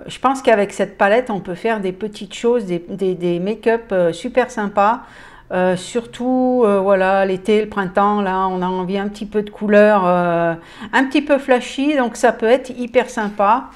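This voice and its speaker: A woman's voice: medium pitch, measured pace. A woman casually showing makeup palettes on her channel, hesitant with many fillers and enthusiastic about the colors. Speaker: beauty vlogger. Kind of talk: casual product haul chat.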